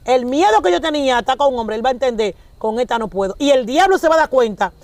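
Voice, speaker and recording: A woman preaches in a lively, conversational way, slipping in and out of little acted exchanges. Her voice sits very high, and the recording is dry and close. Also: fast, dry recording. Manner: animated, acts out dialogues with shifting voices.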